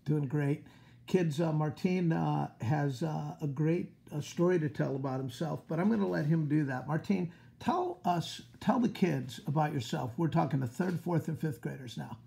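A man's voice: fairly high pitch, normal speed, creaky, mellow. A man, a school coach, hosting an upbeat interview for schoolchildren over a video call, with many fillers.

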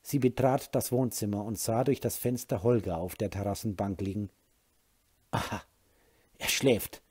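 A man narrating an audiobook in a calm, even storytelling manner with a husky voice. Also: fairly low pitch, a little fast.

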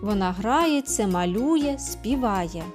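A woman's voice: mid-range voice, lively intonation, slow, music in the background. A woman kindergarten teacher giving a remote literacy lesson to preschoolers, patiently asking questions, answering them herself and sounding out words syllable by syllable.

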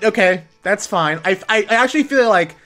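Game music plays as a woman hosts a let's play, chatting loosely, reading dialogue aloud, and fixing her own slips along the way. Her mid-range voice is fairly bright, with lively intonation and a normal pace.

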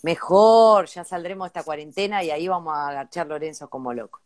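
An Argentine Spanish-accented woman co-hosts a podcast's casual comedic chat, her low-leaning, slightly mellow voice moving at a quick pace. She reads listener emails aloud and throws in joking asides.

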